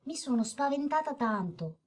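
A woman voicing a gentle, caring young girl in a children's audio story. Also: high-pitched, expressive, moderate pace. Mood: tender.

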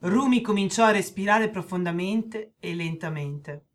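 A woman narrating a children's story in a clear, measured way. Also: mid-range voice.

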